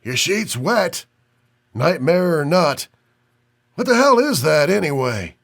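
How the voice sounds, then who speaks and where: A man's voice: on the high side, sing-song, slow, a bit bright, pitched above the performer's own voice, full character voice. A man doing a wheezing old Chicago man. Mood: gruff teasing. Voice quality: coughing, raspy.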